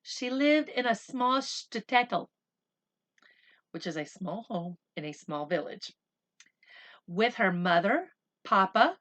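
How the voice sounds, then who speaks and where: A school reading teacher with a mid-range voice reads a picture book aloud to children, expressive, slow and deliberate as she reads. In casual asides she turns chatty, explaining words simply as if to children.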